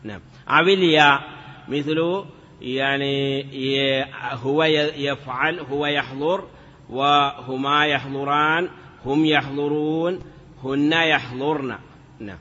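A man's voice: medium pitch, fairly even intonation, slow, pauses often, sharp tone, big-room sound, dull audio. A man teaching Arabic grammar in a patient classroom lecture, repeating examples and chanting some in a sing-song lilt.

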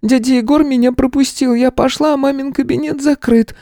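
A man's voice: extremely high pitch, fairly even intonation, fairly quick, dark tone, no room sound, clean studio sound, pitched above the performer's own voice. A man voicing a tearful, frightened girl of about seven, whimpering as she speaks. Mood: scared, tearful. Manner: whimpering, sobbing.

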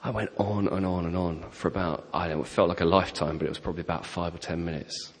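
A middle-aged man preaching a personal testimony, telling his story with animated, self-deprecating humour. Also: low voice, quick pace, husky. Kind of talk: sermon testimony. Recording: long hall reverb.

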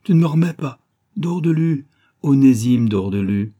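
A man's voice: medium pitch, expressive, moderate pace, mellow, highs cut off, voice pushed up, close to an everyday voice. A man reading the part of a plump, naive, good-hearted man of thirty in a storybook reading, eager and effusive.

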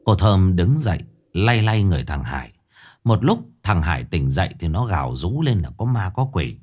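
Lively low-voiced male storyteller. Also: normal speed, slightly rough. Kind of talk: spooky folk tale narration.

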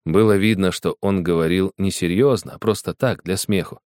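Male storybook narrator, low and animated, dry close recording. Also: moderate pace, clear, resonant tone, no echo. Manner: expressive storyteller who acts out dialogue. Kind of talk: audiobook storytelling.

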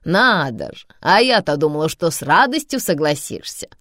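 A woman voicing a bossy, sharp-tongued old grandmother, sarcastic and scolding in an audiobook reading. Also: sits low, sing-song, moderate pace, no echo, studio quality, heavily acted. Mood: mocking.

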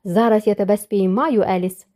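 A woman's voice: mid-range voice, moderate pace, warm tone, close to an everyday voice. A woman voicing a harried but firm young governess who calls out sharply to unruly children. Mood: playful.

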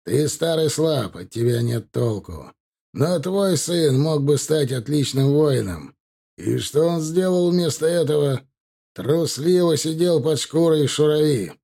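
A man voicing a cruel, scornful warlord who speaks in a slow, contemptuous drawl. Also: a little high, lively intonation, vocal fry, warm tone, pitched above the performer's own voice, heavily acted. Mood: cold menace. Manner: slow, drawn-out, contemptuous delivery. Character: cruel, scornful male warlord, cold and menacing.

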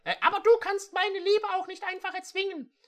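A reader putting on a shrill defiant heroine. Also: flat delivery, brisk. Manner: high and strained, emphatic.

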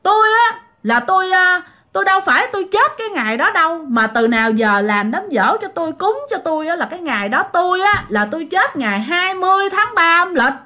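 A woman plays the restless ghost of a middle-aged uncle in a spoken ghost story, pleading and agitated. The voice sits far above her own, wailing and insistent, with a bright, piercing edge that swings widely in pitch. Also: big pitch swings, fairly quick, exaggerated voice.

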